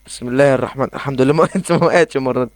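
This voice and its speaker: A young man with an Egyptian accent giving excitable, rambling commentary as he plays a game in his bedroom. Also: medium pitch, no room sound. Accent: Egyptian Arabic. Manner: excitable, rambling, quick asides. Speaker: gaming YouTuber. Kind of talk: casual gameplay commentary.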